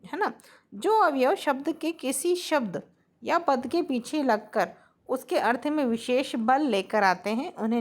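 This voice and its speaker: Higher-voiced woman teaching Hindi grammar. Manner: explains patiently, often checks in with students. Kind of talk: blackboard grammar lesson.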